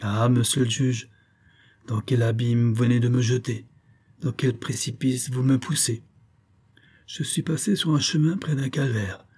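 A cunning suspect, voiced by a man reading aloud, protests his innocence in a theatrical, pleading way. The voice is husky and dark-toned, and his indignation is put on for show. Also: medium pitch, steady tone, unhurried. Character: cunning male suspect feigning outraged innocence.

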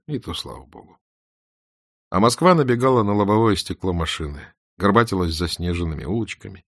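A man calmly narrating an audiobook in a measured way. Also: sits low, no echo, clean studio sound. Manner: calm, measured. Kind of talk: scripted narration.

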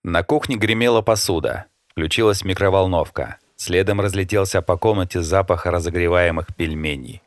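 A man narrating an audiobook in an even storytelling manner. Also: deep voice, normal speed, few pauses, no room sound, clean studio sound. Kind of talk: scripted narration.

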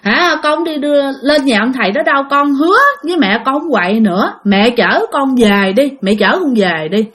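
A woman's voice: high-pitched, expressive, normal speed, hardly any pauses, a bit bright. A woman voicing a small boy possessed by a spirit, pleading and whining.

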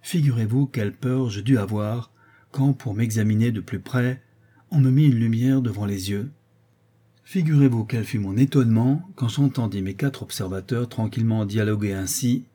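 A man reads a classic novel aloud in a measured, expressive way. His voice is very dark and mellow, with a husky edge, and the telling stays steady from sentence to sentence. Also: mid-range voice. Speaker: audiobook reader. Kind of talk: literary audiobook narration.

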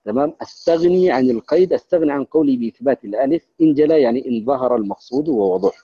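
A man's voice: mid-range voice, lively intonation, racing, mellow, breathy edge. A man teaching Quran recitation to a class. He chants lines of a poem, explains each one plainly and keeps checking that his students follow. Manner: chants quoted verses, then explains them plainly. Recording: dull lo-fi recording.

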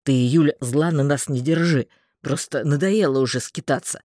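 A man's voice: on the high side, normal speed, warm tone, no echo, studio quality, natural voice. A man voicing a good-natured, blunt male companion in an audiobook, talking in a hearty, plain way.

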